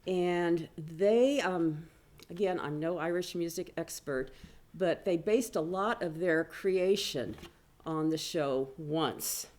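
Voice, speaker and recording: A woman with a low voice presents at an academic conference, walking through her slides. She is a business professor and talks in a chatty way, dropping self-deprecating asides as she goes. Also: slow pace, a little mellow. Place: conference room.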